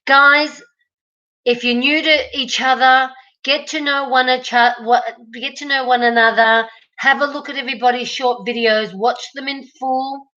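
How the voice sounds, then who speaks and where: A woman's voice: sits high, steady tone, moderate pace, bright, forceful tone, dull audio. A middle-aged Australian woman chatting casually with viewers on a live stream, greeting them by name.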